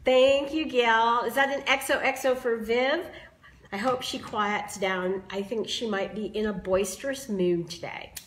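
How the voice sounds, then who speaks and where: A slightly hoarse woman demonstrating bow making in a live craft tutorial, chatting with viewers as she explains each step. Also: fairly high pitch, unhurried, a bit bright, a little hiss or hum. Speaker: craft tool creator demonstrating bows.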